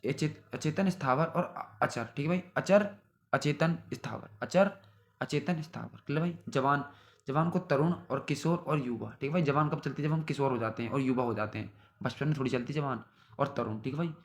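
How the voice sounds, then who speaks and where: A man's voice: medium pitch, a little fast. A young man teaching exam-prep vocabulary, repeating word lists and checking in with his students after each one. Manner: repetitive, drilling word lists with "theek hai bhai". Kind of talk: synonym revision lesson.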